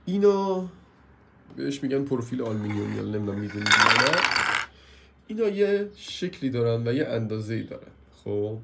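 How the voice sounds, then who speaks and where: A man with a cold and a hoarse voice, complaining as he reviews a purchase in a casual hands-on video and keeps asking viewers for help. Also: medium pitch, animated, heavy background noise.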